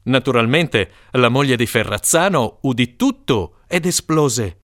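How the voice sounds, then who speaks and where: A man narrating a comic folk tale in an animated storytelling manner. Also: mid-range voice, measured pace, no echo, clean studio sound. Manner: lively, animated storytelling with character voices.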